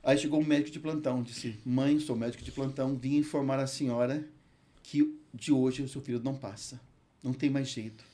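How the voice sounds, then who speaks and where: A man with a Brazilian Portuguese accent, a hospital chaplain and pastor, tells an earnest testimony in an interview and recites scripture slowly. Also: mid-range voice, steady tone, dark tone. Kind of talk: emotional testimony in a podcast interview.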